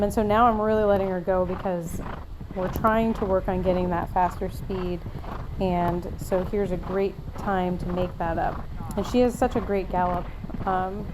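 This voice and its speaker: Woman, casual upbeat sports-vlog narrator, horse rider; clearly noisy helmet-cam ride sound behind her. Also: mid-range voice. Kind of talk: casual voiceover commentary. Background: helmet-cam ambience of horse riding.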